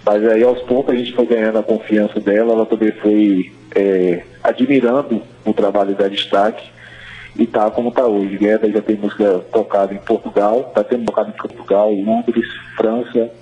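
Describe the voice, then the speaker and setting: A man's voice: fairly low pitch, fairly even intonation, moderate pace. A man with a Bahian Brazilian accent, speaking conversationally as a guest calling in to a radio interview. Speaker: phone-in guest, music project organiser. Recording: dull, band-limited remote call.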